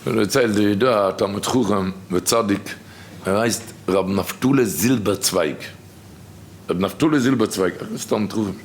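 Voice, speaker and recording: A man with a Yiddish accent giving a sermon, telling stories quickly and quoting people. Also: on the low side, slight background noise. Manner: rapid storytelling, quoting others. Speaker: rabbi giving a talk.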